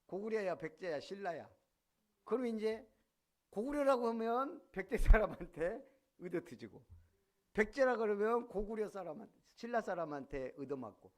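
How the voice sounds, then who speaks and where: A man's voice: high voice, normal speed. A male pastor preaching a sermon, often putting questions to the congregation. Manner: animated, asks the congregation questions. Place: church sanctuary.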